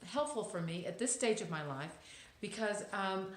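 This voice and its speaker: Speaking at a normal pace in an animated, mid-range voice, a Texan woman in her fifties vlogs to camera from an echoey room. The talk is casual, reflective and inspirational, with wry asides and frequent ums.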